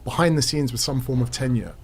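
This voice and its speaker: A man's voice: mid-range voice, expressive, fast, gravelly. A man chatting on a podcast, joking and telling a story. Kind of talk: casual podcast talk.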